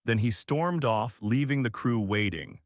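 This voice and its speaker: A man reading a scripted documentary narration in a measured, dramatic storytelling manner. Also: medium pitch, expressive, no room sound, studio quality.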